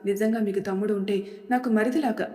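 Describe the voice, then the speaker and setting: A woman voicing a meek young wife who talks in a soft, apologetic way. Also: mid-range voice, steady tone, quick pace, lightly acted. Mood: placating. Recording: long reverb.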